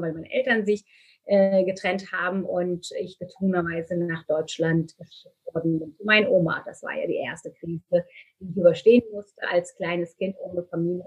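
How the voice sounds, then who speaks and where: A woman's voice: on the low side, slightly rough, highs cut off. A middle-aged woman from Turkey, speaking candidly and earnestly as an interview guest, with many fillers. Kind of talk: conversational interview.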